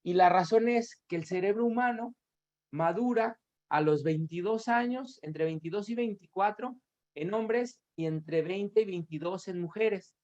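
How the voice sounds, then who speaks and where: This academic lecture comes from a man from Aguascalientes, Mexico, with a Mexican accent, over videoconference. He explains at length, using tag questions and self-corrections, in a high, unhurried, slightly mellow voice. It is dull, lo-fi video call audio.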